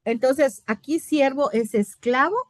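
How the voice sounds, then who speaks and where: Woman teaching bible class, kinda high voice, dry close sound, keeps asking "right?". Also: unhurried, no room sound. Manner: explanatory, asks "¿verdad?" often.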